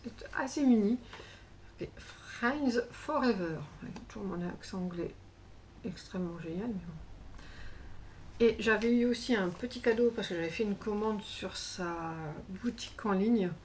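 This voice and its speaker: A woman craft vlogger talks casually through her shopping haul at a mid pitch. She rambles, corrects herself and fills pauses as she goes. A faint hiss of background noise sits under her voice. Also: a little mellow. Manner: chatty and rambling, many fillers and self-corrections. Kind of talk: casual haul chat to camera.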